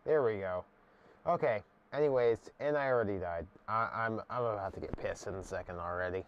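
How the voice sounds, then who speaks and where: A man's voice: fairly low pitch, fairly quick, muffled recording, slight background noise. A young man live-streaming a game, frustrated and swearing while talking to his chat.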